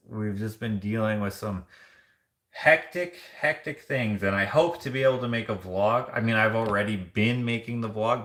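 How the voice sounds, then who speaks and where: A man with a lowish voice and a bright, forceful edge to his tone talks casually to his viewers on a live stream. He rambles and restarts his sentences, with a lot of filler words as he goes. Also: reverberant. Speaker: vlogger.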